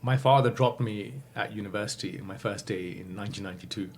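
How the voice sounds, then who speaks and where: Man, 50s, lowish voice, reflective interview talk, light background noise. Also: fast, gravelly. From England. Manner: thoughtful, many fillers, self-correcting. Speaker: guest.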